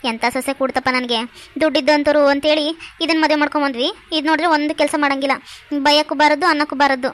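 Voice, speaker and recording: Woman as a sour cartoon mother-in-law, high and quick, sarcastic mutterer. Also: level tone, lightly acted. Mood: grumbling. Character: grumbling middle-aged mother-in-law. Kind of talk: cartoon voice acting.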